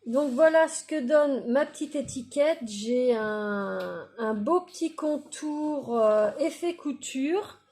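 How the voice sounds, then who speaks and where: Slow-talking high-voiced woman crafter. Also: soft background music. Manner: calm, describes each step as she works. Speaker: craft tutorial host. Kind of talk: casual step-by-step craft tutorial.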